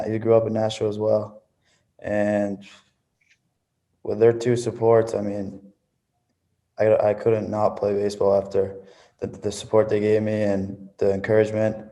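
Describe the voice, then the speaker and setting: A young man from Maine, a baseball player answering interview questions in a relaxed, casual way. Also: lowish voice. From Maine, USA.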